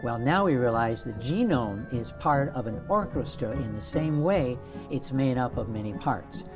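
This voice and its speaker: A man as an interview guest, explaining at length in a measured, lecturing way and stressing key words. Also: medium pitch, animated, over music. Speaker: guest author.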